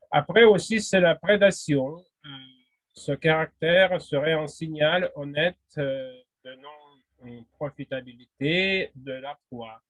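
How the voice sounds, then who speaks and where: A man's voice: a little high, no echo. A man teaching linguistics in a casual spoken lesson, hesitant, full of fillers and restarts. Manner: laughs readily.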